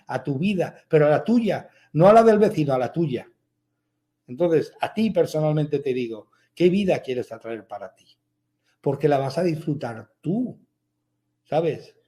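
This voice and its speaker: A man's voice: fairly high pitch, warm tone. A man giving a motivational spiritual talk, repeating his points emphatically and asking rhetorical questions. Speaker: spiritual speaker.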